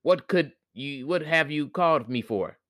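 A man voicing the spirit of the East, a cosmic power who asks halting, stumbling questions. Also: a little high, expressive, fairly bright tone, no room sound, studio quality, voice pushed up. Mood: puzzled.

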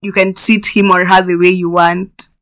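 A woman co-hosting a casual podcast conversation in a measured, agreeable manner. Her voice sits a little lower than most. She lays out her points steadily and backs up her co-host. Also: flat delivery, fairly bright tone. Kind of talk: casual chat.

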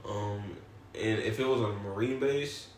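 A man's voice: fairly low pitch, a little slow, darkish tone. Young man, casual trivia banter, slangy, swearing, roomy sound, faint noise. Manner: slangy, bro-heavy, loose swearing. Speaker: quiz contestant. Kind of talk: casual chat in a trivia game. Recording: echoey room with faint noise.

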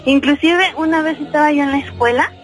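Female caller, Mexican Spanish, high voice, rambling storyteller, radio line with soft music. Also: a little fast. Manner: chatty, many fillers like "este" and "¿no?". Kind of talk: telling a personal story on the phone.

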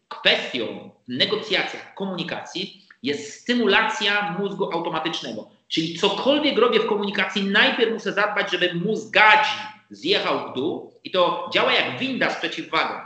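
A man explaining negotiation ideas in an animated conversational way, acting out the quoted exchanges. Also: high-pitched, echoey room, rough recording. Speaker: negotiation expert guest.

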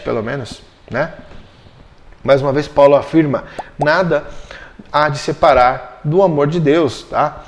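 A man's voice: fairly high pitch, a little mellow. A man teaching a Bible study, explaining step by step and checking in with his listeners often.

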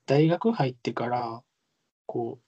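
Husky-voiced young Kansai man chatting. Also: mid-range voice, slow, warm tone, highs cut off. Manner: laid-back, laughs often, trails off. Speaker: podcast co-host. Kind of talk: casual chat.

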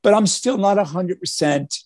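Earnest man from Portugal, slightly high voice. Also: animated, normal speed, darkish tone, dry recording, studio quality. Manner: many fillers and repeated starts, earnest. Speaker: guest. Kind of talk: casual interview talk. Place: video call.

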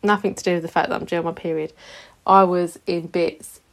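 A woman's voice: fairly low pitch, flat delivery, brisk. A British woman in her thirties hosting a solo podcast in a casual, confessional and self-mocking way, informal and happy to swear. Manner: chatty, confessional and self-mocking, with frequent giggling. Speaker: podcast host.

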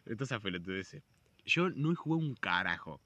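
A man's voice: on the low side, very animated, normal speed, bright, forceful tone, dry recording. Slangy, rambling young Argentine man. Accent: Argentine Spanish. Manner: rambling, slangy and profane, many restarts. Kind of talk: casual chat.

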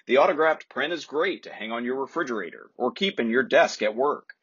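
A man reading a scripted parody sponsor ad in a salesman pitch delivery. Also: animated, brisk, fairly bright tone, breathy edge, no echo, lo-fi sound. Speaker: mock sponsor ad reader.

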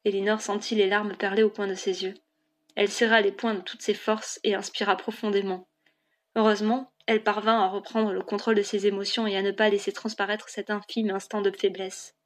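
A woman narrating a novel as an audiobook in a clear, even storytelling delivery. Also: medium pitch, fairly quick.

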